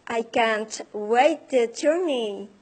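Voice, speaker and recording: A young woman with an Indonesian accent playing an agreeable, excitable friend in a recited English dialogue. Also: on the high side, takes it slowly, slightly rough. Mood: excited. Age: young adult.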